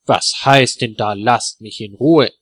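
A man's voice: medium pitch, slow pace, dry recording, clean studio sound. A man voicing an angry young wife in a spoken story, scolding her husband.

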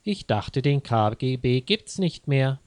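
A man's voice: medium pitch, animated, takes it slowly, darkish tone, no echo. A man reading as a doubtful young man.

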